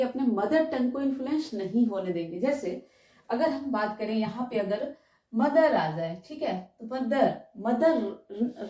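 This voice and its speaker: A woman's voice: fairly high pitch, dark tone. A woman teaching spoken English, encouraging her students and checking in often to make sure they follow. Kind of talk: classroom-style lesson. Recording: echoey room, distant from the mic.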